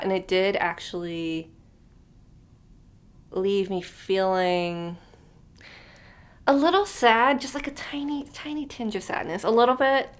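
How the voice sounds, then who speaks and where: In an unscripted casual chat to camera, a vlogger in her thirties rambles, thinks aloud, leans on fillers and sometimes trails off almost to a whisper. Her voice sits at medium pitch.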